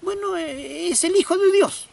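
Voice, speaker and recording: A man's voice: very high-pitched, a little slow, vocal fry, a little mellow, recorded from a distance, voice pushed up, exaggerated voice. A man voicing a tired, impatient father who explains things with weary exasperation. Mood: exasperated.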